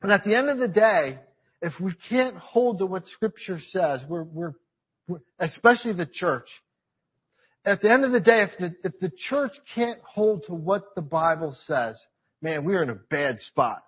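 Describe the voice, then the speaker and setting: A man with a somewhat high, husky voice preaches to his congregation, repeating phrases and asking rhetorical questions. The church recording sounds a little dull and lo-fi. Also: lively intonation, moderate pace. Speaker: pastor. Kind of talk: sermon.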